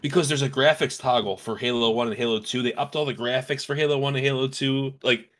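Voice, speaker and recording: A man's voice: mid-range voice, fairly even intonation, quick pace, noisy background. A man guesting on a gaming podcast, rambling loosely with many fillers. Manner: rambling, full of fillers and restarts. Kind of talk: casual gaming podcast chat.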